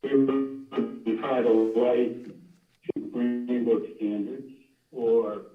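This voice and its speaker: A man's voice: mid-range voice, flat delivery, soft background music. A man giving a technical explanation as he calls into a town meeting, and his connection keeps cutting in and out so that the ends of his words are clipped off. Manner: very slow, halting delivery. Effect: call audio cutting in and out, choppy with clipped endings. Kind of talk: technical explanation on a remote call. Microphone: remote call line. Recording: choppy, tinny, echoey call line from far off.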